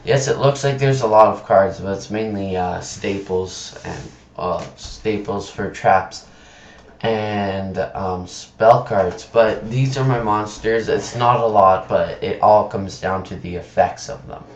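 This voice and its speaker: A man giving casual commentary on a screen recording, halting and stumbling over words, sick with a sore tongue and throat. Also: slight background noise. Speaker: presenter of card game videos. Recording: dull, roomy low-fi computer mic.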